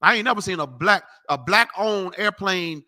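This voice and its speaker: Brash high-pitched preacher man. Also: expressive, normal speed, sharp tone. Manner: brash, profane, mocking, tells people off. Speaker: street preacher teaching a class. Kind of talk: loud street-corner Bible teaching.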